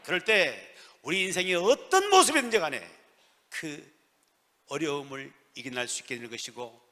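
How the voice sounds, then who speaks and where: A male pastor preaching a sermon in a church, swinging from soft near-whispers to loud emphatic peaks. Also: medium pitch, lively intonation, normal speed. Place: church sanctuary. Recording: long church reverb.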